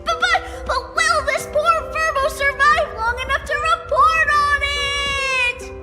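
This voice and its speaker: A woman voicing a tiny beeping drone-like reporter creature in a video game, chirpy, excitable and frantic. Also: very high-pitched, slow pace, heavily acted. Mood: frantic excited. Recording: game audio with loud music and long reverb.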